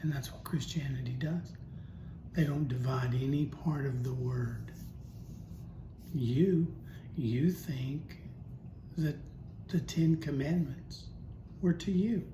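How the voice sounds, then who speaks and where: A man explaining the Bible in a conversational way, with storytelling and rhetorical questions. He talks slowly. The recording has a roomy echo and a steady noise behind him. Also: medium pitch. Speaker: Bible teacher. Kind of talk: casual Bible teaching talk. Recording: echoey room with steady noise.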